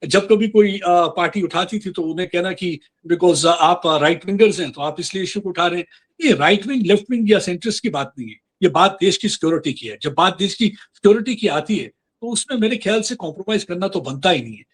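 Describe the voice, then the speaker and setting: A man with a fairly high, slightly husky voice speaks as a guest in a political interview. He talks earnestly and insistently, sliding between Hindi and English with frequent fillers. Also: animated, fairly quick.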